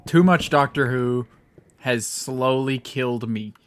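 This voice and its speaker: A young man with an American accent talks through his game stream in a loose, meandering way. He jokes at his own expense and swears offhandedly, at a mid-range pitch. Faint game music plays beneath him. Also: slow pace. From United States. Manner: rambling, self-mocking, swears casually. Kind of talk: casual gameplay commentary.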